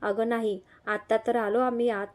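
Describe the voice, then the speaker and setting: Woman reading as a gentle, soothing mother-in-law. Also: on the high side, level tone, normal speed, lightly acted. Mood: light. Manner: soothing, affectionate. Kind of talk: audio story reading.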